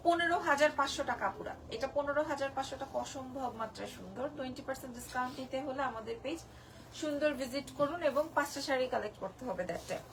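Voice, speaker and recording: Woman, live-sale host from Bangladesh; hoarse, high voice, effusive and repetitive. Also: animated, quick pace, a little hiss or hum. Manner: gushing, repeats prices and discount. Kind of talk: live-stream sales pitch.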